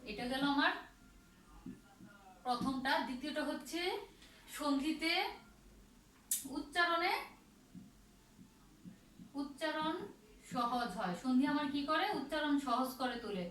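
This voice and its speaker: A woman teaching a grammar lesson to students, speaking slowly and repeating key points, often asking a question and then answering it herself. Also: high voice, fairly bright tone, slight background noise. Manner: slow, repetitive, asks and answers her own questions. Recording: roomy echo from far off, faint ambience.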